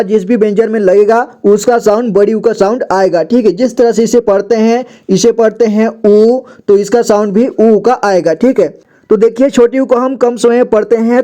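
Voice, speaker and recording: A man's voice: high-pitched, warm tone. A man teaching a Hindi reading lesson, patiently sounding out each word and repeating it twice.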